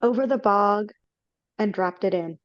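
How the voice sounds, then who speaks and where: A woman casually narrates stage directions for a live reading held over a video call, slipping up and correcting herself along the way. Her voice is mid-range and unhurried, and the audio is dull and lo-fi, though without echo.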